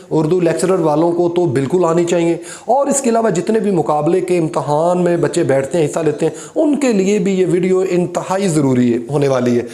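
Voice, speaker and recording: A man teaching an online lecture, explaining slowly with many fillers and repeated examples. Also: fairly high pitch, mellow, reverberant.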